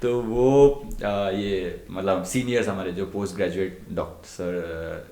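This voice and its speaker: A man's voice: deep voice, unhurried, warm tone. A young man in his twenties, a podcast guest telling stories in casual chat, acting out the voices in his dialogue and laughing often. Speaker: podcast guest, medical intern. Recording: echoey room.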